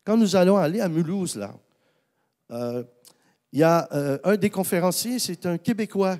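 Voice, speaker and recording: Guy doing a french lady voice, high n eager, french accent, fumbles for names. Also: animated, normal speed, darkish tone. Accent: French, put on. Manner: high, eager, hesitant with fillers. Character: chatty French woman, a pastor's helper.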